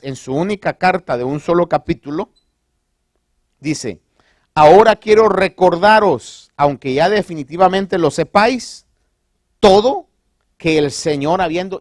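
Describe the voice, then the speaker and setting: A man preaching a sermon as pastor, conversational and animated, asking the congregation rhetorical questions and dropping in English phrases. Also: on the high side, dry recording, clean studio sound.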